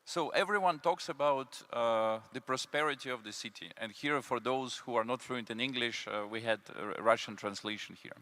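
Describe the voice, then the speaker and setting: A man's voice: medium pitch, normal speed, few pauses, bright, forceful tone. A middle-aged man with a French-sounding accent speaking on a conference panel, emphatic, with many fillers as he walks through slides. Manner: emphatic, building points step by step. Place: conference hall.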